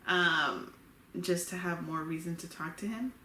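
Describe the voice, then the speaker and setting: With a fairly low, sharp-toned voice and a slightly slow pace, this Los Angeles vlogger in her late twenties co-hosts a couple's Q&A chat. She shares stories in a relaxed, giggly way, recorded in an echoey room carrying faint hiss.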